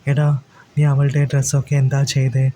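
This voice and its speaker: A man voicing a sharp-tongued mother who scolds her children, in a flat, low-key way. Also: moderate pace, a little hiss or hum, natural voice. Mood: scolding.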